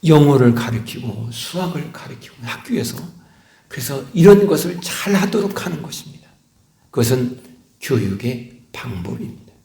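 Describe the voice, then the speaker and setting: A middle-aged male pastor preaching a sermon, swinging between loud emphasis and hushed whispers. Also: medium pitch, sing-song, normal speed. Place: church sanctuary. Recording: echoey church hall.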